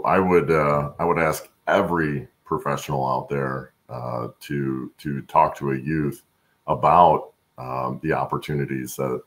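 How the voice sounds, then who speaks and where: A middle-aged American supply chain professional, his voice gravelly and rumbling low, appears as a guest in a casual conversational interview. He's on a video call from a room at home and often tags his phrases with "right?" to check in.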